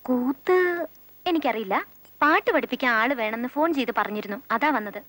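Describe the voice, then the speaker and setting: A curt music teacher answers flatly in a film comedy. Her voice is high. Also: a little fast. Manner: curt and matter-of-fact. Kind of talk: 1990s film comedy dialogue.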